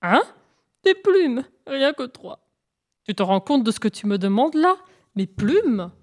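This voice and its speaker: A woman's voice: mid-range voice, big pitch swings, moderate pace. A woman voicing a vain male peacock who is flustered and indignant in a storybook tale. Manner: exclaiming, indignant.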